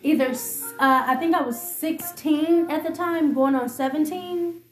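Woman with a high voice telling her own story, emotional and halting, repeats herself a lot, roomy echo, faint music under it. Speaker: podcast host. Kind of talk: personal storytelling monologue.

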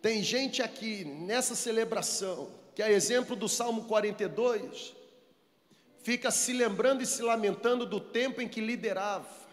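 Impassioned high-voiced male preacher. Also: moderate pace, long reverb tail. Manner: impassioned, swings from soft pleading to shouting. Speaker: pastor. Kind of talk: sermon. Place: church service, streamed online.

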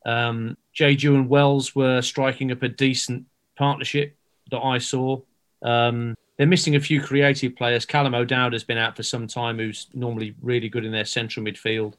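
A man giving a measured, analytical football preview with some ums. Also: medium pitch, flat delivery, fairly bright tone. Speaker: football pundit. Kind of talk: casual match preview.

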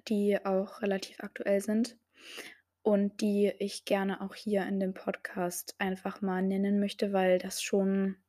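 A woman's voice: medium pitch, completely flat delivery, slow pace, warm tone. A young woman hosting a solo podcast, talking hesitantly with many filler sounds and reading out quotes. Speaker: podcast host.

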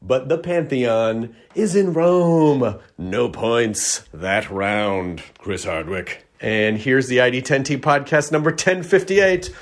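A podcast host with a medium-pitched voice chats casually, full of fillers and self-corrections. At times he slips into halting, learner-level Italian.

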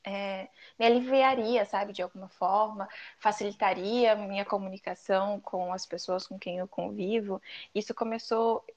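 A woman's voice: mid-range voice, fairly even intonation, normal speed, darkish tone. Thoughtful Brazilian woman, slightly muffled recording. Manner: thoughtful, personal, with repeated phrases for emphasis. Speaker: podcast co-host. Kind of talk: casual, reflective podcast chat.

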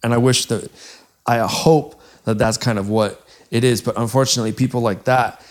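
A man's voice: medium pitch, steady tone, normal speed. A man co-hosting a podcast, telling a story in a casual way and breaking into laughter often. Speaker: podcast co-host.

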